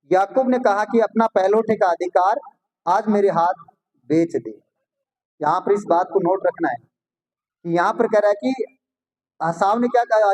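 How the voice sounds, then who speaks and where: A man's voice: high-pitched, a little mellow, low-quality recording. A male preacher delivering a sermon, reading scripture aloud and explaining it with frequent rhetorical questions.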